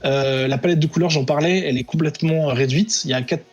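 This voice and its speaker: A man's voice: on the high side, quick pace, slightly rough, highs cut off. A man reviewing comics on a podcast in casual chat, hesitant with many fillers and enthusiastic.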